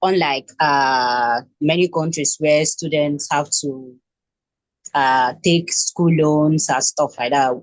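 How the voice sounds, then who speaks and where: Low-voiced Nigerian woman in her twenties. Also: slow, no room sound. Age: 20s. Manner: hesitant, with many restarts and fillers. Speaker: interview guest. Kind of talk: casual interview.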